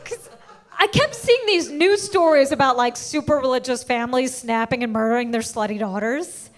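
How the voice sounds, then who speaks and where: Young female stand-up comic, high-pitched, brash and quick, punchline-driven. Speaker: stand-up comedian. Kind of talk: stand-up comedy set. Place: stage before a live audience.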